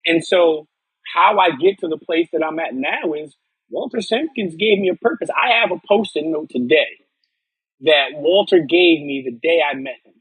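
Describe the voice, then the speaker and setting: A man's voice: fairly high pitch, big pitch swings, normal speed, creaky, breathy edge, dry recording, poor audio. A man from upstate New York, a podcast guest telling his personal story earnestly, often restarting and repeating words.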